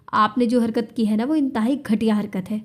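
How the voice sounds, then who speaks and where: A woman's voice: a little high, animated, a little mellow, natural voice. A woman voicing a defiant young wife in an audiobook, speaking sharply and angrily. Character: defiant angry young wife, kidnapped by her husband.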